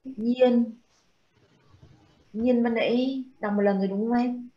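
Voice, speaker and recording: A woman's voice: a little high, fairly even intonation, takes it slowly. A woman teaching a translation class, questioning students and explaining terms with foreign words mixed in. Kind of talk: classroom lecture. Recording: dull lo-fi sound.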